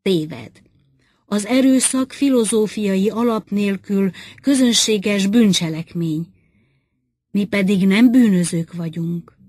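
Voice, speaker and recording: A woman reading as a calm lecturing male captor. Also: medium pitch, no echo, natural voice.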